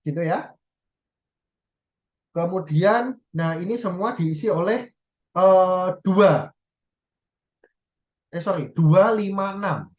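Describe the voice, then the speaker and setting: A woman's voice: fairly low pitch, darkish tone, lo-fi sound. A woman lecturer giving a recorded university lesson, explaining step by step, often checking in with the class and correcting herself.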